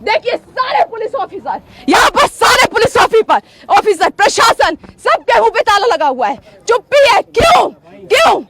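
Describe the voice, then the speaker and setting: High-voiced insistent woman reporter. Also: sing-song, moderate pace, hardly any pauses, very noisy. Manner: insistent, repeats demands; emotional, voice breaking at times. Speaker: field reporter. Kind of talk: live news field report. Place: outdoors at a police barricade.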